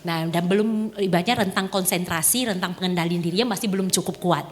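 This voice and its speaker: A woman giving a lively storytelling talk to an audience, laughing often and acting out the voices in her story. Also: lowish voice, quick pace. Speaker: dharma talk speaker. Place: temple hall. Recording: reverberant hall.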